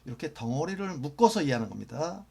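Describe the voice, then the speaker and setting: A man's voice: on the high side, very animated, fast, vocal fry, warm tone, husky. A man teaching English grammar in a lecture, patiently repeating phrases and sometimes dropping almost to a whisper for example sentences.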